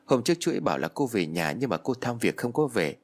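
A man's voice: mid-range voice, big pitch swings, quick pace. A man voicing a grieving village mother who wails and pleads for her dead son in a spoken ghost story. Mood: tearful. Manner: wailing, pleading.

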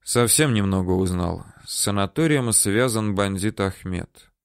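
A man's voice: lowish voice, measured pace, smooth, dry recording, clean studio sound. A man narrating a story as an audiobook reader, telling it expressively. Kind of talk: scripted narration.

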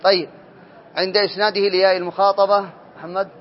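In a dull, lo-fi classroom recording, a man teaches Arabic morphology in a fast, flat voice that sits high. He drills his students on grammar, calls on them by name, and corrects what they answer.

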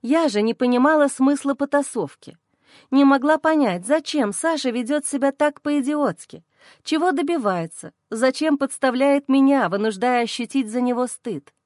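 A woman narrating a first-person novel in an expressive audiobook reading. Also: high voice, moderate pace, dry recording, clean studio sound.

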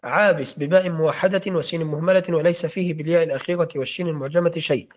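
A man's voice: fairly high pitch, fairly even intonation, very fast. A man reading a classical hadith-studies text aloud in a lesson, steadily spelling out names and their vowels. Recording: dull lo-fi recording.

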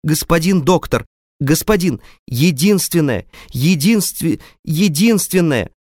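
Desperate peasant father, as a male reader puts him on, high strained cries, begging, storybook voice. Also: animated, unhurried, a bit bright, no room sound, studio quality. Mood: despairing. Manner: pleading, crying out, breaking and repeating words. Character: frantic peasant father, middle-aged man, desperate.

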